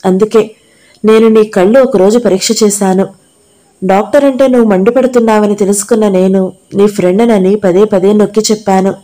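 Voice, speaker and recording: A woman's voice: mid-range voice, fairly even intonation, a little fast, warm tone, close to an everyday voice, poor audio. Woman reading as a kind young doctor. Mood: earnest. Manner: earnest, reassuring. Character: young male doctor, kind, protective friend.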